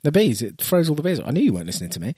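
A man's voice: fairly high pitch, wildly swooping pitch, racing, mellow, a little hiss or hum. A man co-hosting a podcast in a casual comedic chat, teasing and laughing often. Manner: jokey, teasing, lots of laughter. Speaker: podcast co-host.

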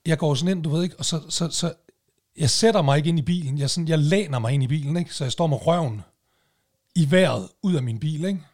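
A man co-hosting a podcast, telling a story in a casual, animated way, swearing and loudly acting out what people said. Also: on the high side. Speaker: podcast co-host.

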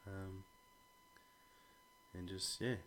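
Talking extremely slowly, an Australian-accented father on a podcast makes huge pitch swings in his low, fairly bright voice. The casual conversation about his children is laid-back and blokey with some swearing, over slight background noise.

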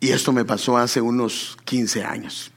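A man's voice: mid-range voice, fairly even intonation, unhurried, gravelly, a bit bright. A man preaching a sermon and telling his own testimony. He keeps calling the listener brother and builds up to emphatic exclamations.

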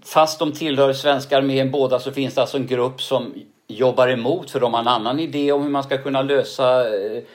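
An older male actor being interviewed, telling stories in a lively way and often ending sentences with a questioning tag. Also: medium pitch, few pauses. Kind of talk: casual interview storytelling.

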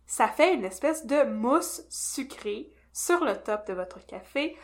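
Quebecois lady podcast host, playful and chatty, pretty high voice. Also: lively intonation, slow pace. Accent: Québécois French. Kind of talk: casual podcast chat.

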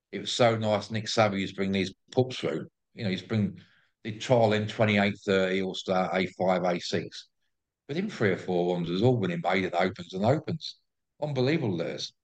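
A man with an English accent talking casually and effusively as an interview guest, often repeating words and phrases. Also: low voice. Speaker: interview guest, greyhound track promoter. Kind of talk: casual enthusiastic chat.

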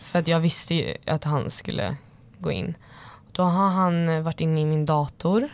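A woman's voice: sits low, fairly even intonation, smooth. A young woman telling a personal story in casual chat, rambling with many fillers. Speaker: guest.

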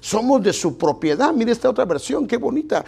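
A man's voice: very high voice, sing-song, a little fast, creaky, darkish tone, slightly rough. A middle-aged man, preaching a folksy sermon to his congregation and addressing them as brothers. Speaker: pastor.

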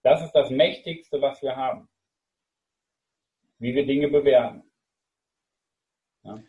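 A man's voice: medium pitch, takes it slowly, warm tone, highs cut off. A man hosting a casual conversation, reflecting and affirming his guest in a thoughtful way.

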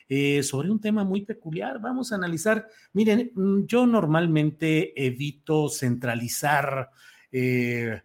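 A man with a Mexican accent hosting a live talk show unscripted, halting and repeating words as he searches for phrasing. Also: medium pitch. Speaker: host of a news talk show.

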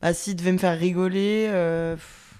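A young woman with a slightly low voice chats casually as a podcast host. Her way of talking is playful and teasing, like someone talking with a close friend. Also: fairly even intonation, normal speed, mellow, clear, resonant tone. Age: 20s. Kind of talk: casual chat between friends.

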